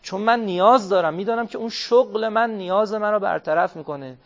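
A man giving an interactive religious talk, asking his listeners questions, answering them himself and drawing out key phrases slowly. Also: high-pitched. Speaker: religious speaker. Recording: dull lo-fi recording.

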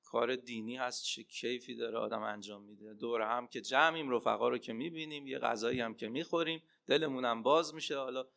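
A man preaching a religious sermon and telling stories, swinging between loud emphatic cries and hushed asides. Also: mid-range voice, vocal fry, hardly any pauses. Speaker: preacher and Arabic teacher.

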